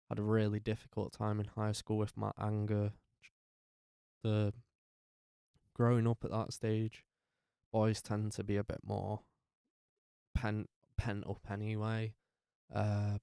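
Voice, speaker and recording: A tired young man, telling his life story to camera in a halting way, full of fillers and restarts. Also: on the low side, gravelly, a little mellow, smooth, no echo, clean studio sound. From North West England. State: tired, up very early. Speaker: vlogger.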